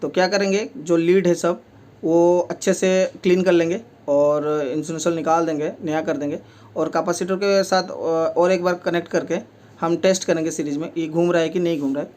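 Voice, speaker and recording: A man's voice: fairly high pitch, fairly even intonation, moderate pace, darkish tone. A man with speech, a repair technician who explains each step of fixing a table fan in a plain way, with many fillers. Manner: speaks while working with his hands.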